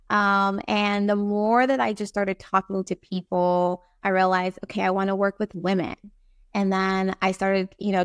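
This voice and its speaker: A woman's voice: mid-range voice, a bit bright, dry recording, clean studio sound. A woman from Barbados, a time management coach, chatting as an interview guest with lots of fillers and an upbeat manner. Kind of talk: casual interview talk.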